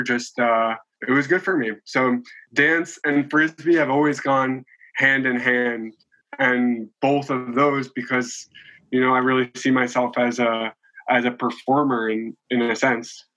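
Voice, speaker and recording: In a casual interview, a podcast guest in his late twenties wanders through his answers with frequent restarts and fillers. His mid-range voice comes across bright and forceful, though the audio quality is poor.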